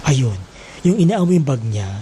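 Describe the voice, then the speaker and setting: A man's voice: fairly high pitch, very animated, normal speed, mellow, slight background noise, low-quality recording. A man telling a teasing, exaggerated gossip story in a casual, mocking way.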